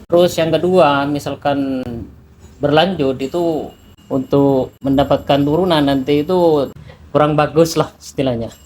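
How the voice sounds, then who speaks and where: A man's voice: fairly high pitch, fairly even intonation, measured pace, pauses often, a little mellow, low-quality recording. A man from East Java gives his opinion to an interviewer in a tentative way. He hedges and repeats his words as he gathers his thoughts. A faint ambient hum sits behind him. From Jember, East Java. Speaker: villager interviewed. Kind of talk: interview answers.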